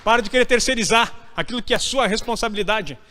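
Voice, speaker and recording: Brief: male pastor, emphatic sermon, high pitched, long hall reverb. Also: fast, bright, forceful tone, a faint crowd, a little hiss or hum. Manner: emphatic preaching, acts out whiny voices of church members.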